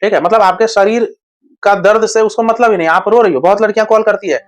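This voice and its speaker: A man's voice: sits high, fast. A man giving relationship advice in a casual monologue, blunt and slangy with crude humor.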